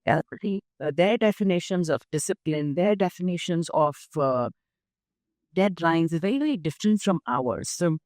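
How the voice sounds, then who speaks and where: An older woman with an Indian accent, interviewed as a guest. Her voice sits on the low side, and the recording is close and dry. She speaks in a measured, emphatic manner. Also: animated, darkish tone, no echo. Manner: measured, emphatic, explains through lists of examples. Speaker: guest, nonprofit founder. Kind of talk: interview conversation.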